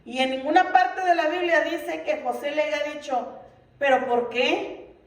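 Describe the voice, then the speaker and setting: A woman's voice: high voice, normal speed. A middle-aged woman giving a Bible lesson to a congregation, earnest and full of rhetorical questions. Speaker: Bible teacher in a church ministry. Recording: roomy echo from a distant mic.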